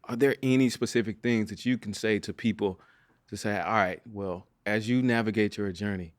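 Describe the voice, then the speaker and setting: A man hosting a podcast, earnest and reflective, quick to laugh with his guest. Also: fairly low pitch, no room sound, studio quality. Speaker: podcast host. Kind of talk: reflective interview chat.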